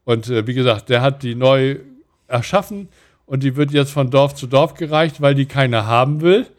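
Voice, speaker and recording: A man's voice: medium pitch, normal speed. A middle-aged man co-hosts a casual talk show. He speaks in an easygoing way and steers the conversation from one topic to the next. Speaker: podcast co-host. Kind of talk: casual chat.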